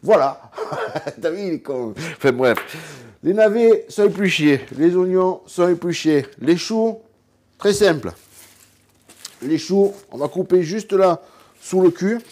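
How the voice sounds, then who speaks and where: A man's voice: high-pitched, animated, slow, pauses often, darkish tone. Chatty southern French man cooking. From Cévennes, southern France. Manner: chatty and rambling, says "voilà" constantly; talks straight to the viewer, jokes and laughs at himself. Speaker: home cook and hunter. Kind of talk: casual cooking vlog.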